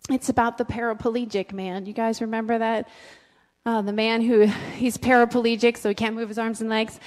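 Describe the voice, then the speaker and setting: A middle-aged woman pastor preaches a conversational sermon on a handheld mic in a church sanctuary with a stage, asking the congregation questions. Her slightly high, darkish voice is level and at normal speed, filmed from the back with the church hall's long reverb.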